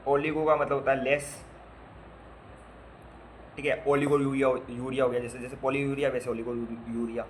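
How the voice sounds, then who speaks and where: A man's voice: medium pitch, little pitch movement, normal speed, pauses often, a little hiss or hum. A man teaching basic medical terms to nursing students in a casual lecture, spelling out word parts, repeating them and quizzing his students with playful asides. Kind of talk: classroom lecture.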